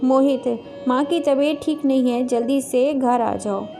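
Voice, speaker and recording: A woman's voice: high-pitched, measured pace, dark tone, soft background music. A woman voicing a concerned young adult son in a storybook tale. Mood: worried.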